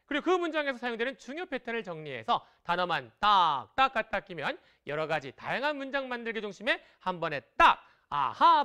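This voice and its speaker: A woman with a mid-range voice teaches Chinese in a broadcast lesson, lively and encouraging as she explains tones and patterns.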